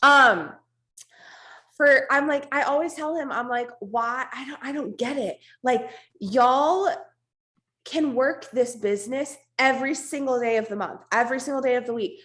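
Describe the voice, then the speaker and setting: A woman with a hoarse, raspy, strained voice gives an informal, emphatic, unscripted motivational team talk on a video call. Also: sits high, moderate pace, fairly bright tone. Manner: informal, emphatic, repeats for stress, blunt. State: hoarse, losing her voice, coughing now and then. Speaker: network marketing team leader hosting an online meeting.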